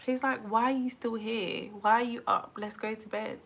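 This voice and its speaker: A woman's voice: fairly high pitch, moderate pace, vocal fry. A woman in her twenties from England, chatting casually to viewers on a phone livestream from home, filling her talk with "like". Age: 20s. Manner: chatty, says "like" constantly, animated. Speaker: vlogger. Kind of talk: casual live-stream chat.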